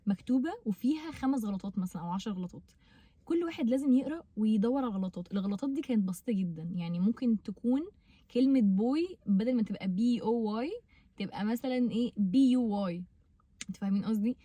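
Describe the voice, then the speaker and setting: Fast-talking Egyptian woman teaching English tips. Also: on the high side, mellow, dry recording. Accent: Egyptian Arabic. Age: young adult. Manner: chatty, quick, repeats words to model pronunciation. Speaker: vlogger giving study tips. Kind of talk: casual tutorial chat to camera.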